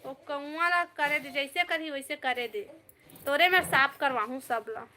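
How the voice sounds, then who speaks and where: A woman's voice: high voice, unhurried. A woman from Bilaspur in Chhattisgarh with a Chhattisgarhi accent, chatting casually with viewers on a live stream and teasing them as she answers their comments one by one. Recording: loud background noise.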